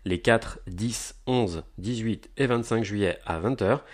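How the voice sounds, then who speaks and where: Male promo narrator, lowish pitch, upbeat and emphatic on headlines, scripted delivery. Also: slow pace. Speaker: announcer of a local events agenda.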